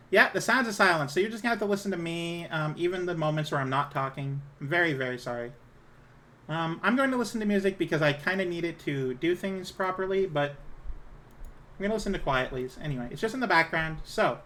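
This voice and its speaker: A woman with a low-set feminine voice chatting casually on a livestream, hesitant, apologetic and self-conscious in her manner. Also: a little fast, a bit bright. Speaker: live streamer.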